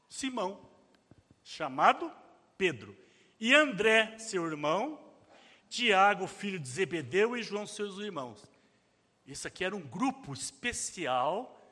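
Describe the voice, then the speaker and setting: In a large hall, a man with a high-sitting voice preaches dramatically, shouting out the cries he reads aloud.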